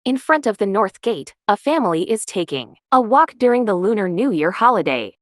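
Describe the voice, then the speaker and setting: A woman giving calm, measured, scripted travel narration as a vlogger on a winter hike. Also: mid-range voice, dry recording, studio quality.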